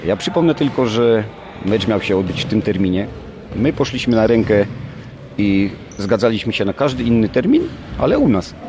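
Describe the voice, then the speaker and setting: A man's voice: fairly low pitch, very animated, normal speed, background noise. A man, a sports coach, giving a post-match interview, indignant and sarcastic, complaining at length.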